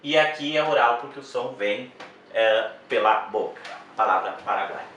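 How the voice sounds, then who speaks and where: A man gives an exam-prep grammar lesson in a very echoey room, picked up from across the space. His tone is bright and forceful. He speaks slowly, repeats key words, and checks with the class as he goes. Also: mid-range voice, recorded from a distance, lo-fi sound, a little hiss or hum. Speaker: Portuguese teacher.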